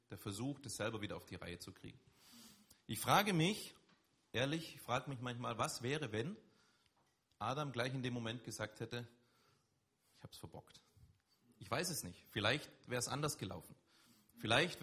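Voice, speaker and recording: A man's voice: medium pitch, fairly bright tone, breathy edge. A man giving a sermon in a conversational, emphatic way, his voice lifting on stressed words. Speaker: preacher.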